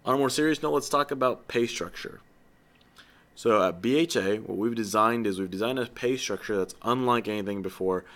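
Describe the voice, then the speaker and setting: A man's voice: lowish voice, brisk, a bit bright. A man giving an earnest, persuasive orientation talk to new recruits, with rhetorical questions and light jokes. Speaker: company founder addressing new recruits.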